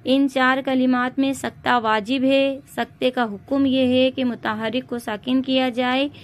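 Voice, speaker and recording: Lady quran teacher w/ urdu accent, high voice, drawn-out slow syllables. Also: steady tone. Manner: spells syllables out slowly, repeating each; addresses listeners as sisters. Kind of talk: slow recitation lesson.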